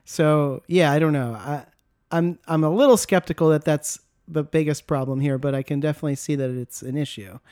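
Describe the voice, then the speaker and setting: A man's voice: a little high, brisk, mellow, no echo, studio quality. A man in a casual podcast discussion, hesitant and a little skeptical, trailing off as he thinks. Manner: hesitant, skeptical, laughs easily.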